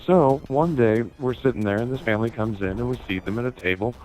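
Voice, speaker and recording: A man in an online gaming video tells a casual comic anecdote as he plays, swearing freely and acting out both sides of each conversation with animated energy. His voice is mid-range and he talks fast, captured on a low-quality recording.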